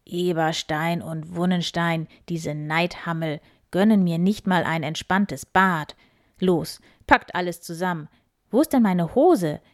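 A woman voicing a grumpy middle-aged count in a children's story, loud and commanding. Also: lowish voice, a little slow, no echo, clean studio sound, close to an everyday voice.

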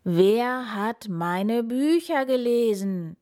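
A woman voicing a big, gruff but kind male bear in a read-aloud storybook, grumbling his lines. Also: low voice, steady tone, slow pace. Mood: grumbly.

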